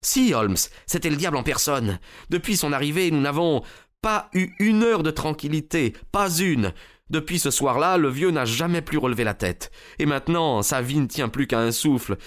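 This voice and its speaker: A man voicing a distressed young gentleman in an audiobook, speaking higher and urgently. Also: lively intonation, normal speed, close to an everyday voice.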